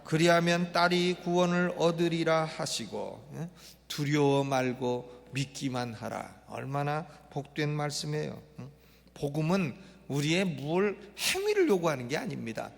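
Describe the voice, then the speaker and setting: A middle-aged male pastor preaching an expository sermon, emphatic and repetitive, prodding the congregation with quick questions. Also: medium pitch, sing-song, vocal fry. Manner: emphatic, repeats phrases, prompts the congregation with "eh?". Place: church sanctuary. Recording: long church reverb.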